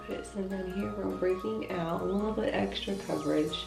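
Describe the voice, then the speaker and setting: This beauty vlogger's mid-range voice comes out brisk and gravelly, stuffed up from congestion and lower than normal. She's a young woman chatting casually through a makeup tutorial, poking fun at herself as she explains each step. The hotel bathroom echoes, she's off-mic, and faint music plays.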